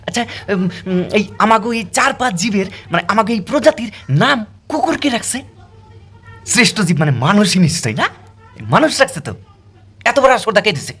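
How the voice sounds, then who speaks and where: In an exaggerated voice, a male comedian plays a sarcastic, put-upon street dog grumbling through a comic monologue. His husky tone rises and falls in lively swoops, with each gripe delivered as a sharp rhetorical question.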